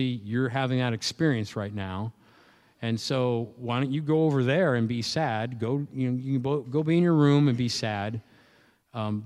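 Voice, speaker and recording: A man's voice: mid-range voice, a little mellow. A man preaching a sermon as pastor, conversational, with frequent restarts and repeated words. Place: church. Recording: echoey church hall.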